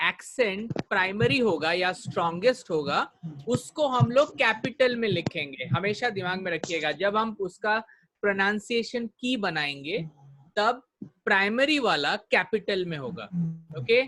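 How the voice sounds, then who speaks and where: Indian English man as a pronunciation teacher, fairly high voice, syllable-by-syllable drilling. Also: bright, forceful tone, a little hiss or hum. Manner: drills words slowly, mixing Hindi and English. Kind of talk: online spoken-English class.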